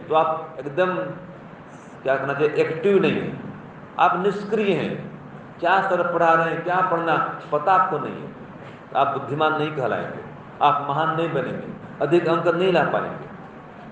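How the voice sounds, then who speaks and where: A man's voice: a little high, a bit bright, a little hiss or hum. A man giving a moral talk to school students, teacherly and repetitive, quizzing and praising them as he goes. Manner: teacherly, questions and praises students, repeats points. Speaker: speaker addressing school students. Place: school hall or classroom. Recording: very echoey, distant, muffled room recording.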